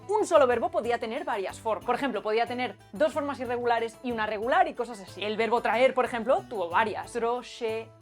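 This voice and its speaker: A woman hosting a linguistics lesson, lively and playful, asking herself rhetorical questions. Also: a little high. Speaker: linguistics video host. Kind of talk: scripted educational explainer. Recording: light background music.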